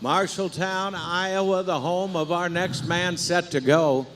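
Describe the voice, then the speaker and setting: A man's voice: high-pitched, fairly even intonation, takes it slowly. A man working as a rodeo announcer, mixing live commentary with banter over an arena PA. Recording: arena PA with faint background noise.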